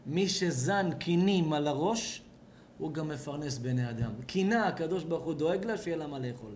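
A rabbi preaching at a home gathering, his high voice swooping up and down as he asks the listeners questions and acts out little scenes. He sometimes bursts into a shout. A faint room hum sits behind him. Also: expressive. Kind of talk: lively sermon at a house blessing.

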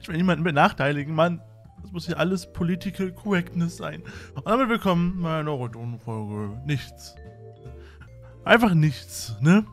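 A man's voice: a little high, expressive, normal speed, soft background music. A man chatting in a casual vlog at home, playful and rambling with lots of fillers. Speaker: YouTuber. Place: room at home with a fan.

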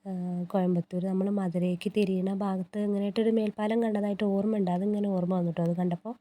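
Riding a bus, a travel vlogger from north Kerala narrates a casual vlog in a very dark, mellow mid-range voice made stuffy and congested by a cold. She keeps a level tone, talks fast, and chats in a friendly, homely way, adding small asides to her sentences.

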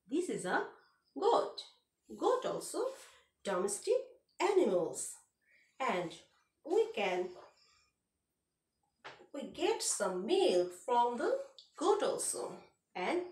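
A woman teaching little children, with a high voice that swings up and down and an unhurried, sing-song delivery. She sits back from the microphone in an echoey room, so her voice sounds distant and roomy. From Bangladesh. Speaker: kindergarten teacher. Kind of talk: online class lesson for young children.

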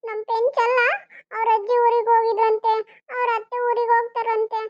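A woman's voice: very high voice, completely flat delivery, a little fast, dull audio, pitched above the performer's own voice. A woman voicing a stubborn, talkative little village boy in a cartoon, whiny and pleading as he talks on and on. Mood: complaining. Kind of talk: cartoon voice acting.

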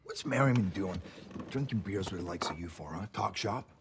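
A middle-aged tough cop with a low voice. He is profane, sardonic and menacing, drawing out taunting questions like a crooked squad boss in a crime film. There is clear noise behind him. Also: expressive, brisk. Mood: aggressive taunting. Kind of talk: naturalistic film interrogation acting. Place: indoors, lamp-lit hotel suite.

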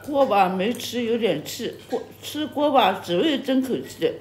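A woman's voice: a little high, expressive, unhurried. A woman hosting a livestream as she eats, chatting casually and teasing her viewers with frequent laughs. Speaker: livestream host. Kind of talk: casual chat while eating on a livestream. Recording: echoey room with faint noise and clattering dishes.

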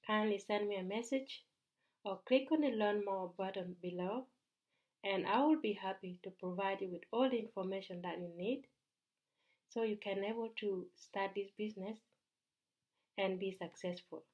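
Earnest Ugandan woman pitching to camera. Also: normal speed, dull audio. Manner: earnest, persuasive, with small slips and restarts. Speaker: business mentor. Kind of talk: direct-to-camera sales pitch. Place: bright indoor room.

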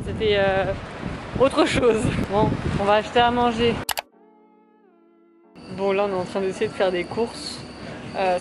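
A young woman in her twenties chatting casually and jokingly while she vlogs through the streets and a supermarket, laughing often. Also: mid-range voice. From France. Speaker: vlogger. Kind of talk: casual travel vlog chat. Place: streets and a supermarket, indoors and outdoors. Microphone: handheld camera held low at arm's length. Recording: noisy street and shop background.

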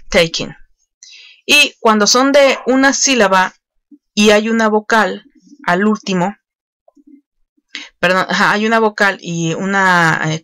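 A woman walks learners patiently through an online English lesson. She pauses with frequent fillers as she explains each step. The recording is dry and close, with no room sound. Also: mid-range voice, fairly bright tone, no echo.

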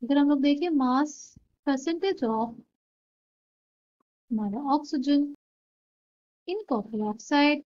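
A woman's voice: high-pitched, a little fast, long pauses, a little mellow, dry recording, highs cut off. A woman with an Indian accent explaining a chemistry problem, switching between Hindi and English and often checking in with "right?". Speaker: chemistry tutor.

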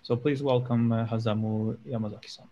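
A man moderating an online event, introducing the next speaker in a halting, unhurried way. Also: medium pitch, steady tone, dark tone. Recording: muffled call audio.

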